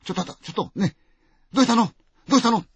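A woman's voice: a little high, racing, husky, no room sound, pitched above the performer's own voice. A man voicing an anxious night-shift hospital nurse who presses with urgent, coaxing questions. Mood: alarmed. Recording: dull, dry lo-fi recording.

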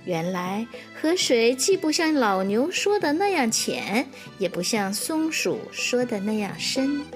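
A woman presenting a children's program, reading a storybook aloud in a slow, expressive manner. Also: a little high, music in the background.

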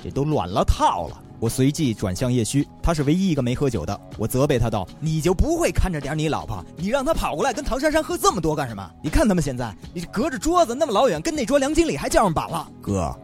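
A man telling a comic story in a lively, playful way. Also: fairly high pitch, fast talker, hardly any pauses, faint music behind. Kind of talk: comedic storytelling.

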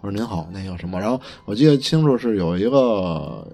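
A man with a Beijing accent chatting casually and telling anecdotes in a colloquial, lightly profane, animated way. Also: fairly low pitch, brisk, creaky. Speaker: podcast co-host.

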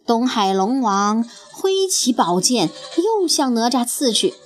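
Lively high-voiced woman telling a children's story. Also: takes it slowly. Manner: expressive, lilting delivery. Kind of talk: scripted storybook narration for children. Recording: faint music bed.

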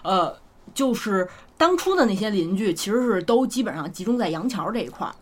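A woman's voice: medium pitch, sing-song, a little fast. A woman from Beijing with a Beijing accent, chatting casually as a podcast guest and often repeating her words. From Beijing, China. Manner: repeats short agreements and words. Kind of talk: casual conversational chat.

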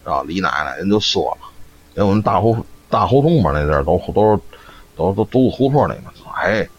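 Deep-voiced storyteller man. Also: lively intonation, fast talker. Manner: chatty, keeps asking "you know?". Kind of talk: live-streamed folk ghost storytelling. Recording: dull lo-fi stream audio, faint noise.

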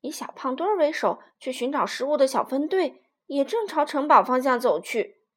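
A woman narrating a children's story with an expressive, animated reading. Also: high-pitched, moderate pace.

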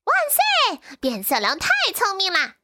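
A woman voicing a cheeky, playful young monkey with an excited, giggly manner in a storybook reading. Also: high-pitched, unhurried, very noisy. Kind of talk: storybook character voice.

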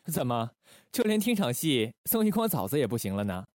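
In a Republican-era spy radio drama, a man portrays a suave, scheming intelligence station chief with a smooth, measured, teasing delivery. His natural mid-range voice is very animated and a little mellow. The recording is dry and clean, studio quality.

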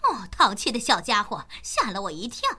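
A woman's voice: medium pitch, huge pitch swings, moderate pace, sharp tone, husky, full character voice. A woman voicing an exasperated, grumbling mother and shopkeeper in a children's cartoon dub. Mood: scolding. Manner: dramatic, grumbling, scolding.

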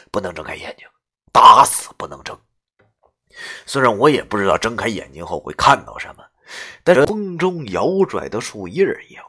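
Man telling a horror-comedy story live, husky, very lively pitch, dramatic hushed-to-loud delivery.

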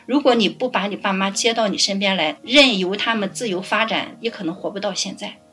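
A middle-aged woman caring for her parents, telling stories in a lively way and laughing often. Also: medium pitch, brisk. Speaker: family caregiver guest. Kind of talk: casual interview storytelling.

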